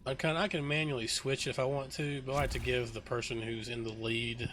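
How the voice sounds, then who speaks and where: A man's voice: medium pitch, little pitch movement, brisk, slight background noise. A man casting a live video game match, giving loose, joking play-by-play. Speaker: esports caster. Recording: loud game gunfire and clicks behind.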